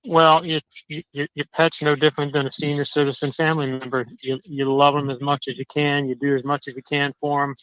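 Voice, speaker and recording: A man calling in on a crackly phone line that fades in and out, walking a dog outdoors and telling his story in a halting, indignant way, often repeating words. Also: a little high, little pitch movement, fairly bright tone, smooth, dry recording. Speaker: caller. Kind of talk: casual chat. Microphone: cell phone.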